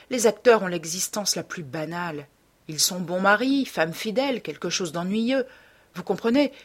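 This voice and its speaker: A woman reading the part of a cynical, self-assured young man in an audiobook, in a smooth, detached way. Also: medium pitch. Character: cold, cynical young male dandy.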